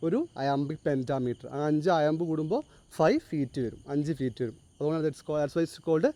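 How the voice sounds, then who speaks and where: A male teacher giving a classroom lecture, explaining step by step, quizzing his students and reading English lines slowly and deliberately. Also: a little high, dark tone. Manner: explains, then asks the class to answer.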